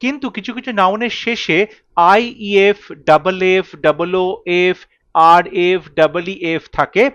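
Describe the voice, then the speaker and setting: A man's voice: high voice, measured pace, fairly bright tone, clear, resonant tone, no echo, highs cut off. A man with a Bengali accent teaching an English grammar lesson, patiently spelling out letters and repeating word pairs. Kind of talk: lesson explanation.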